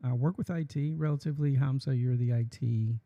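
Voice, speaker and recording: A man's voice: medium pitch, fairly even intonation, fairly quick, creaky, highs cut off. A man hosting a campus podcast, introducing guests in a friendly way with fillers. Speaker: podcast host. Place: campus studio.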